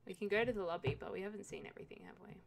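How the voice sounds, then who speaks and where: Here a young female game streamer talks very fast in a mid-range voice with vocal fry, tossing out jokey asides and occasional swearing as she plays. There's a little hiss or hum on the recording.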